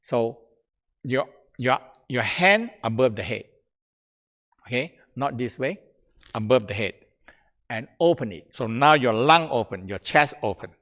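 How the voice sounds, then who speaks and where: A man leading a Taoist breathing exercise and teaching, calm and repetitive, often trailing off softly at the ends of phrases. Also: medium pitch. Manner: slow, calm, repetitive, chanting phrases in a dropping soft voice. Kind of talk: guided breathing exercise instruction.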